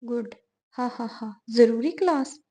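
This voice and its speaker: Woman narrator as a cheeky young hero; playful, dark-toned. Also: a little high, little pitch movement, unhurried, natural voice. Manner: teasing, laughing.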